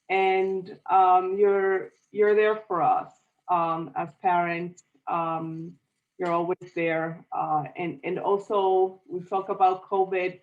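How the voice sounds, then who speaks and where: Board member and parent, unhurried and sincere, muffled lo-fi video call audio. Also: medium pitch. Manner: sincere, unhurried, many fillers. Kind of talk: tribute at a board meeting.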